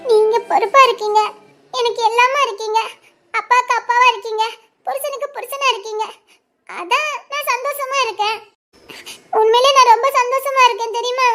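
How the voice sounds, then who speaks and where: A woman's voice: very high-pitched, fairly even intonation, a little fast, sharp tone. A woman playing a chatty, teasing wife in a colloquial family drama.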